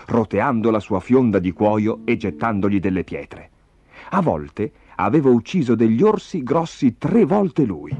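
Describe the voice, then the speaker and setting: A man narrating a story in an expressive, animated storybook style. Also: on the low side. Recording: dull lo-fi recording with music. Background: music.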